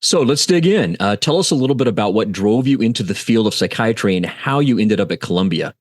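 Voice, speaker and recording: A man's voice: lowish voice, lively intonation, brisk, no room sound, clean studio sound. A man co-hosting a podcast, opening the show and welcoming a guest in an upbeat manner. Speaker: podcast co-host. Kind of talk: podcast interview.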